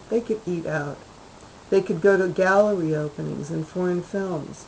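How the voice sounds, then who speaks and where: A woman, the author, reading her own literary short story aloud in a measured, even way. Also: sits low, creaky, slight background noise, low-quality recording.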